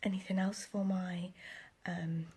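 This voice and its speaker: A young woman in her twenties whispers a casual home vlog indoors, close to the camera mic, rambling with plenty of fillers and restarts and a slight sore throat. Her breathy whisper is on the low side, mellow, a little slow, with little pitch movement.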